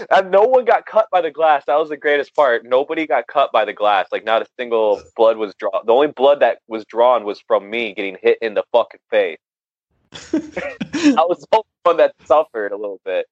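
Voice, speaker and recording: A man's voice: medium pitch, moderate pace, dry recording, highs cut off. A man casually telling a wild story on a podcast, swearing constantly and laughing often. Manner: profane, laughing, animated storyteller.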